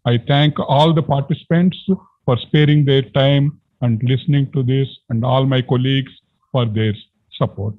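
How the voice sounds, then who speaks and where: Older man, Indian accent, formal thanks, deliberate halting delivery, phone-like thin audio, mid pitch. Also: fairly even intonation. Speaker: event organiser giving vote of thanks. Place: indoor room, on a video call. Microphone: computer mic on video call. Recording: tinny, phone-like video call audio.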